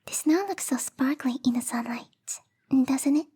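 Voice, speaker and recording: A woman whispers in soft, breathy ASMR roleplay as a bubbly young female snow spirit who is lovestruck, coy and rambling. Her voice sits high at a normal speed, with a tender, cheerful mood.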